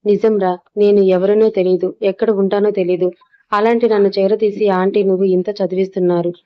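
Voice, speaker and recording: A man's voice: high voice, level tone, moderate pace, dry recording, natural voice. Woman reading as a loyal young friend. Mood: earnest. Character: joking, loyal young male student friend. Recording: dull dry lo-fi audio.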